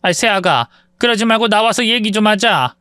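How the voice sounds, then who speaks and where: A fretful mother, as a male reader puts her on in a spoken story. She pleads in a high, swooping voice, and the read stays dry and close. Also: lively intonation, moderate pace, pushed and bright, clear, resonant tone, no room sound. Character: worried middle-aged mother, fussy.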